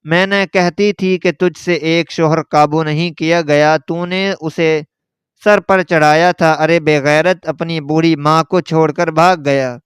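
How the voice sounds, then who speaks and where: A man voicing an elderly mother-in-law who is sharp-tongued, scolding and lamenting. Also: a little high, steady tone, clean tone, no room sound, studio quality, lightly acted.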